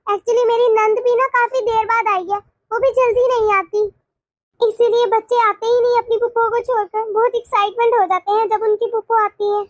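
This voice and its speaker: A woman's voice: very high-pitched, level tone, normal speed, no echo, highs cut off. A woman voicing a chatty, polite young married sister on a family visit in a cartoon. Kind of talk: animated cartoon dialogue.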